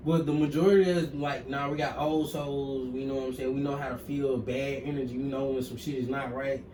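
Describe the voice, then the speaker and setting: This guest wrestler, a young Mississippi man with a Southern accent, speaks briskly in a medium pitch, his delivery flat but mellow. His relaxed slang is peppered with "you know what I'm saying" throughout the casual interview. Faint noise and echo suggest a distant mic in a reverberant room.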